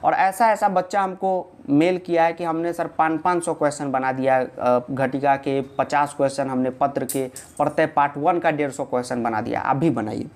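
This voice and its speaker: A man's voice: a little high, fairly even intonation, moderate pace, hardly any pauses. A man teaching a casual online video lesson. He asks questions and answers them himself, joking with students and reassuring them.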